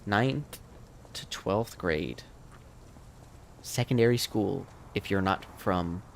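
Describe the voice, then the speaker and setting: Late in a gaming stream, a tired American man who streams and teaches languages rambles to his viewers as his voice gives out. It's a lowish, creaky voice that takes things slowly, relaxed in manner, with a little hiss or hum present.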